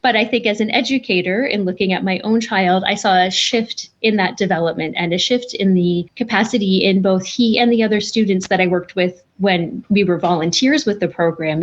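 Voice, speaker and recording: A woman who is both a teacher and a parent gives earnest, reflective answers in an interview. Her voice sits at a middle pitch. The recording sounds dull and lo-fi. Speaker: educator and parent guest.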